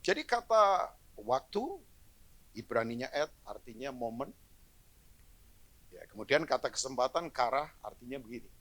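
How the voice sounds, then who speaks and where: A middle-aged man preaching a live sermon as pastor to a church congregation, animated and joking, dropping to low asides then rising to loud exclamations. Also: normal speed, long pauses. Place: church hall, in front of a congregation.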